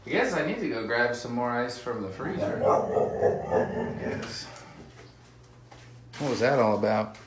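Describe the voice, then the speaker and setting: With a mid-range voice and lively intonation, a man in his thirties talks to camera at a measured pace, leaving long pauses. He's a vlogger chatting casually in a small tiled bathroom at home. The phone mic, held at arm's length or propped nearby, picks up distant sound, bathroom echo and background noise.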